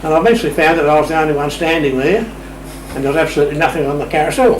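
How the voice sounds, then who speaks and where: An older Australian man fires off a casual anecdote as an interview guest, his slightly high voice moving at a rapid clip. His tone is wry, playful and understated. It was recorded in a radio shack room, where the distant mic picks up roomy sound and clear background noise.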